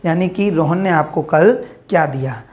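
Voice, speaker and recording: A woman teaching a grammar lesson, dictating example sentences slowly and asking questions she then answers herself. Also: deep voice, darkish tone.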